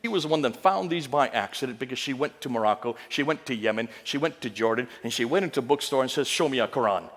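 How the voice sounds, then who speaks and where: A man's voice: mid-range voice, lively intonation, fast talker, few pauses. A man giving an emphatic public lecture to a live audience, punching and repeating his key phrases. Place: large hall with an audience. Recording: long hall reverb.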